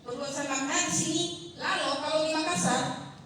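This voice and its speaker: A young woman giving a seminar presentation, halting and apologetic, with many fillers and self-corrections. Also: sits high, fairly even intonation, a bit bright, slight background noise. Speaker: student presenter. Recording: very echoey room, voice from far off.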